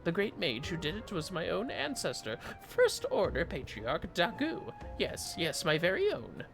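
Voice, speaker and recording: A man's voice: high voice, wildly swooping pitch, a little slow, vocal fry, fairly bright tone, soft background music, pitched above the performer's own voice, heavily acted. A man voicing a fussy, proud kobold mage in a fantasy game, who keeps repeating words as strings of synonyms. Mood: proud, emphatic. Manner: compulsively repeats synonyms in threes. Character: fussy, excitable male kobold mage, proud of his ancestry.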